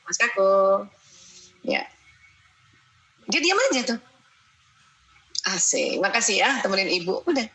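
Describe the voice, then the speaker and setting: A middle-aged woman giving a lively parenting seminar, acting out mothers scolding and coaxing their children. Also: high-pitched, rough recording. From Indonesia.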